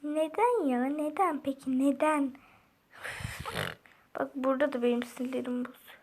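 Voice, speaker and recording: A young woman giving casual gameplay commentary, often frustrated and muttering to herself to stay calm. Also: sits high, normal speed. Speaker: gameplay video creator.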